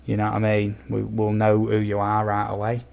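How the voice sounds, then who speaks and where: A game streamer with a fairly low, slightly croaky, darkish voice runs a casual live chat, treating viewers like mates in an easygoing, chatty way. His delivery is completely flat and fairly quick.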